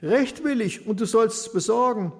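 Man doing a desperate widow, shrill pleading, raised voice, gravelly, reverberant hall. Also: lively intonation, unhurried, full character voice.

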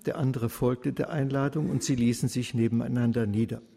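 A man reads a story aloud in a steady, measured way. His voice is husky and middle-pitched. A long reverb rings out behind him. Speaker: story reader.

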